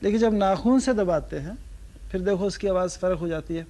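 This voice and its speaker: A man from North India teaches the sarod to a class, speaking in a high, lively voice. He keeps asking his students questions and sings the note syllables aloud to show the scale. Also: brisk, loud music behind the voice. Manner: asks the audience questions, sings sargam syllables. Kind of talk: lecture-demonstration to students.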